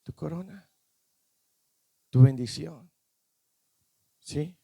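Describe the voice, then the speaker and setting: A man preaching a sermon, emphatic, firing rhetorical questions at the congregation and rising to shouts at the peaks. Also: on the high side, extremely slow, gravelly, breathy edge, no room sound, studio quality.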